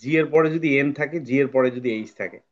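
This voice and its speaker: A man's voice: mid-range voice, quick pace, dull audio. A man teaching an online English phonics class, patiently repeating words for drilling. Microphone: video call.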